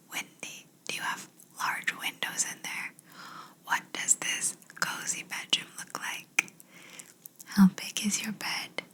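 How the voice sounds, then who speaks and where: A woman whispering slowly in an ASMR video, guiding the listener through gentle imagination questions. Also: mid-range voice, rough recording. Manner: slow soft whisper, asking gentle questions. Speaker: ASMR creator.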